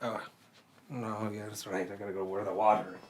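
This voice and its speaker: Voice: sits low, level tone, brisk, background noise, lightly acted. A performer voicing a boastful but nervous male Scottish rapper who stammers, in a comedy sketch. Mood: flustered. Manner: stammering, flustered.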